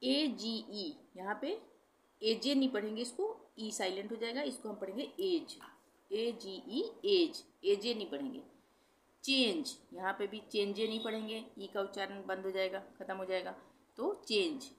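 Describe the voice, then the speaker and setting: An English teacher who speaks Hindi gives a classroom-style pronunciation lesson in a medium-pitched voice. She spells words letter by letter, repeats them slowly, and corrects her own slips.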